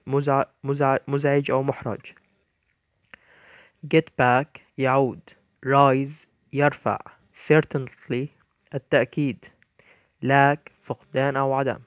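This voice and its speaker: A man teaching English vocabulary, reading each English word and then its meaning in a measured way, with a few stumbles as he corrects himself. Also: mid-range voice, no echo. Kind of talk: bilingual vocabulary lesson, reading word lists.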